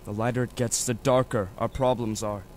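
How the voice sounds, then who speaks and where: A man's voice: mid-range voice, level tone, brisk, darkish tone, slight background noise, natural voice. A young man playing a tender young lover saying farewell at dawn. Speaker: student actor in a school reading.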